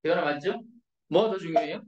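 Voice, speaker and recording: Teaching an English grammar lesson in Korean, a woman keeps checking in with her class through short questions. Her voice is on the low side, a little mellow and fairly quick, captured from a distance in an echoey classroom with the highs cut off.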